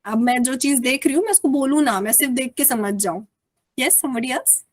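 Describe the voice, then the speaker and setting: A woman's voice: high-pitched, moderate pace, dry recording. Woman leading an online study class. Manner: mixes Hindi and English, explaining and calling on participants. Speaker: session leader.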